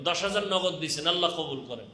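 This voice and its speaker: Casting: Bangladeshi male preacher, high-pitched and piercing, running a donation appeal with repeated urging and blessings, echoey PA. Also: lively intonation, fast talker, sharp tone. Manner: urging, repetitive calls to the crowd. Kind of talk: live religious fundraising appeal, calling out donations with short blessings. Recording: echoing public-address sound.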